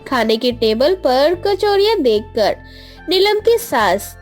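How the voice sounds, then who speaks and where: A woman narrating a cartoon story with an expressive, storybook delivery. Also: high-pitched, slow pace, soft background music.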